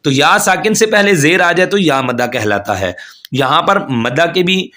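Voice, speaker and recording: A man teaching Quran recitation rules to beginners, patiently explaining each point, checking in often, and drawing out the Arabic examples slowly. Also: fairly high pitch, animated, pushed and bright. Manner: chants Arabic words slowly and stretched out. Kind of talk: tajweed lesson.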